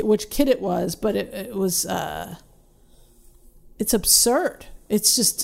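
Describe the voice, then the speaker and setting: A woman co-hosting a casual chat, rambling with restarts and getting animated when she rants. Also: medium pitch, creaky. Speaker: podcast co-host.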